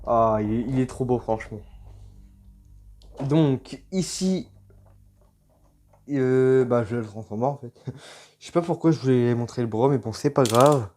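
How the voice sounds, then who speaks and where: A man giving casual, excited unboxing commentary, gushing and exclaiming often with lots of slang, recorded on a phone. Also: mid-range voice, a little slow, long pauses, slight background noise. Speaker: toy unboxing vlogger.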